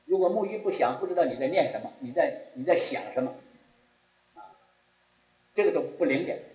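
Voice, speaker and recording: Male Buddhist teacher, sermon delivery, animated pitch, echoey room. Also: brisk. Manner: rises and drops sharply, repeats key phrases. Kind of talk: Buddhist dharma talk.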